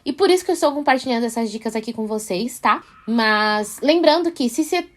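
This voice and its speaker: A young Brazilian woman with a São Paulo accent, explaining parenting tips in a friendly, casual vlog and checking in with the listener with quick tag questions. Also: on the high side, lively intonation. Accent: Brazilian Portuguese, São Paulo. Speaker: parenting vlogger.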